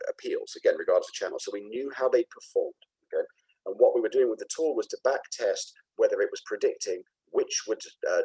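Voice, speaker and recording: Speaking in a Cockney accent, a presenter with a very low, husky, warm voice walks through a product demo unscripted, halting with restarts and fillers. The audio quality is poor.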